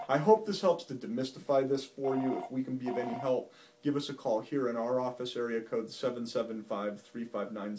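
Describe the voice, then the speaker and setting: A man's voice: medium pitch, a little mellow, distant mic, slight background noise. A male physician explaining a medical topic in a folksy, plain-spoken, patient way. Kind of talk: medical explainer talk to camera. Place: doctor's office.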